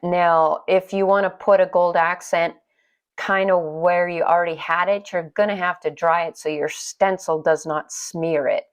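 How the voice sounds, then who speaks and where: A woman's voice: lowish voice, fairly even intonation, a little slow. A middle-aged woman narrating a casual painting tutorial in a chatty, self-deprecating way. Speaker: watercolor painting instructor.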